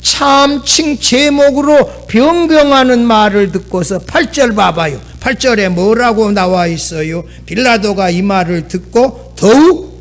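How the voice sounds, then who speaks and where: A middle-aged man, preaching a sermon as pastor in an animated way, acting out quoted lines. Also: sits high, a little slow, hardly any pauses.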